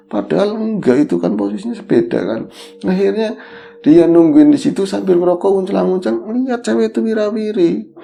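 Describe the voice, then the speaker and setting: Gravelly, mellow man telling ghost stories. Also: high-pitched, a little fast, a little hiss or hum. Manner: animated, acts out quoted voices. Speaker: horror podcast co-host. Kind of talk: casual ghost-story telling.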